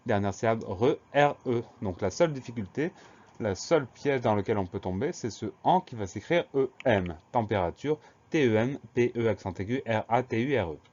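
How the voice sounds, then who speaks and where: A man teaching a spelling lesson to schoolchildren, spelling words out letter by letter in a slow, careful way. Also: mid-range voice, expressive, a little mellow. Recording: slightly dull lo-fi sound.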